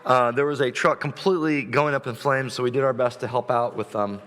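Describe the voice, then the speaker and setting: A man's voice: mid-range voice, steady tone, fairly quick, a bit bright. A man preaching a sermon in a loose, chatty way, keyed up and joking, with filler words and restarts. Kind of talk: casual conversational sermon. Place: church sanctuary. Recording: long hall reverb in a church.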